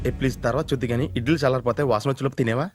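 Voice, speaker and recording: A man's voice: medium pitch, steady tone, lightly acted. A man playing a cheeky young nephew who cracks jokes in a film comedy scene. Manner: rapid joking banter. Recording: film audio with loud background music.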